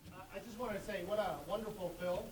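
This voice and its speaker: A man's voice: high voice, fairly even intonation, fast talker, darkish tone. A man in the audience giving a heartfelt, earnest comment. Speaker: audience member. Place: theater audience. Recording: echoey hall from far off.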